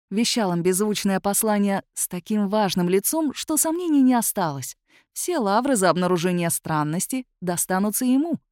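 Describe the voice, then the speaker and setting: A woman's voice: medium pitch, darkish tone, dry recording, studio quality. A woman reading a first-person fantasy novel aloud, in a wry, ironic storytelling manner. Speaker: audiobook narrator. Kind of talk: first-person audiobook narration.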